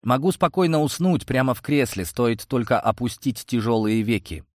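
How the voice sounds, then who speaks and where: A man narrating a science-fiction audiobook in first person, measured and steady. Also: mid-range voice, dry recording, studio quality.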